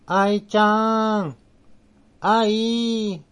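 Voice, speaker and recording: A man voicing an eerie, muffled disembodied voice that copies an older sister's voice and speaks Nagoya dialect, drawn out and slow. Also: steady tone, fairly bright tone, clear, resonant tone, full character voice. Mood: eerie calling. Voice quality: high, slow, muffled, distant.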